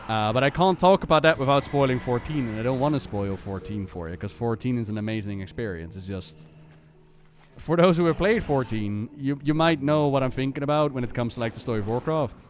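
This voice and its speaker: A man giving casual live gaming commentary as a streamer, thinking aloud in a halting way with repeated words. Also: medium pitch. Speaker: game streamer.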